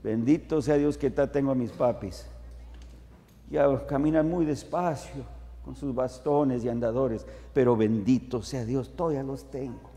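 A man's voice: mid-range voice, measured pace, mellow. A middle-aged male pastor giving a humorous bilingual sermon, telling stories in the manner of a preacher. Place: large conference hall. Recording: long hall reverb.

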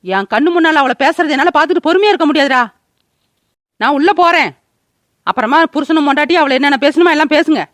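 Scolding old grandmother, cartoon, fast talker, dry booth sound. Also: high-pitched, expressive, a bit bright, no echo. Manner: scolding, rapid-fire. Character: scolding old grandmother, sharp-tongued, sides with daughter. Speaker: mother-in-law. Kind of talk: cartoon voice acting.

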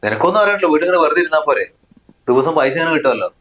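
Guy acting as a mean rich husband, rattles off his lines fast, scornful and snappy. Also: medium pitch, a bit bright, lightly acted. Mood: angry. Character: harsh money-proud young husband. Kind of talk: short film acting.

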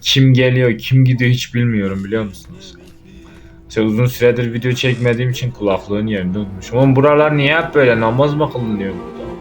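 A young man with a lowish voice narrates his horror game playthrough in a loose, casual way. He is jumpy and swears freely, shouting out when frightened. Faint game music plays underneath. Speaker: gaming YouTuber. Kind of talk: let's play commentary.

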